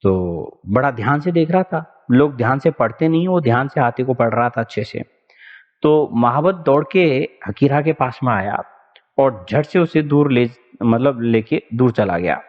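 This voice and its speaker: A man's voice: medium pitch, normal speed, big-room sound, lo-fi sound. Chatty male teacher telling a story. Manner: animated, chatty, laughs often. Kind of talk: storytelling in an exam-prep lesson.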